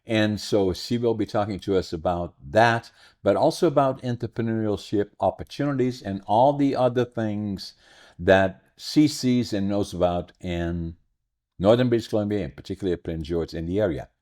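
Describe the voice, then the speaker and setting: An elderly Dutch man in his 80s hosts a podcast, rambling through stories in a casual interview chat and correcting himself as he goes. His voice is lowish and a little mellow, moving at a normal speed.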